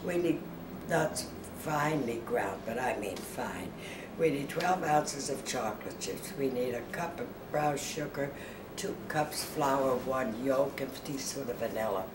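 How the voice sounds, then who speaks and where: A woman's voice: rumbling low, unhurried, noisy background. An older woman, a grandmother, chatting casually as she bakes cookies in a home kitchen. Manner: chatty, homey, talks while working. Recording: echoey kitchen, far from the mic, loud clatter.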